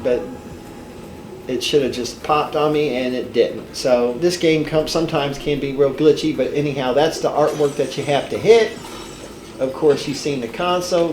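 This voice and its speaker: Poor audio captures an older man's medium-pitched, slightly mellow voice in an echoey room with slight background noise. He has a head cold and sounds stuffed up while, as a channel host, he gives a rambling, folksy, self-correcting commentary on a casual gameplay walkthrough.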